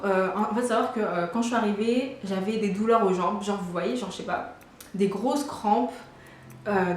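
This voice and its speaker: A woman's voice: medium pitch, a little mellow. Young woman, casual storytime, chatty with fillers, very echoey room, faint background hiss. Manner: chatty, many fillers and restarts. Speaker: vlogger.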